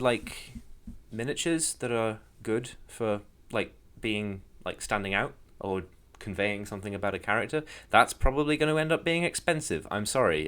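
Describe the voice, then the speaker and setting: A man's voice: fairly low pitch, fairly bright tone. A young man co-hosting a casual podcast chat, rambling with many fillers and restarts. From Ireland. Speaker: podcast co-host.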